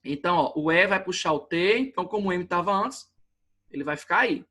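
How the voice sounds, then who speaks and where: A man's voice: sits high, lively intonation, brisk, bright, forceful tone. A man with a Brazilian accent teaching a grammar lesson, patiently explaining at the board and often checking that students follow.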